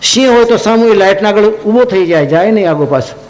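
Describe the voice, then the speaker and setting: High-voiced male preacher in a reverberant hall. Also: fairly quick. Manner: animated, dramatic storytelling. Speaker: religious preacher. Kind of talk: devotional sermon storytelling.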